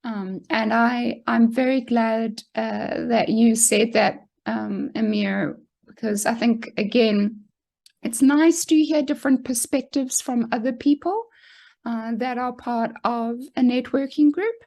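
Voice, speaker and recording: Woman, interview host, casual chat, encouraging, fry in the voice. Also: a little high, a little mellow. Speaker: podcast host.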